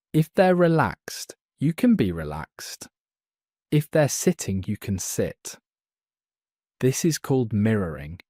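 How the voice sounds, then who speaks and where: A man teaching a beginner English lesson, speaking slowly and clearly and giving model phrases for learners to repeat. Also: lowish voice, dark tone, no echo, studio quality. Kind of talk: slow scripted language lesson.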